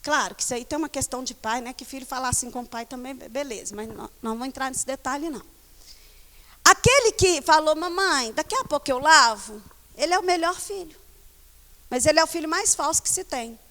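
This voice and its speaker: Woman pastor, Brazilian accent, high-pitched, animated sermon, reverberant church hall. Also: quick pace. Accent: Brazilian Portuguese. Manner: animated storytelling, scolding the congregation.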